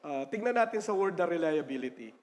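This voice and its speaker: A man's voice: fairly high pitch, animated, a little fast, a little mellow. A male pastor preaching a sermon in a chatty, joking way, often asking the congregation for an "amen" and mixing in English definitions. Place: church sanctuary. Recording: long church-hall reverb.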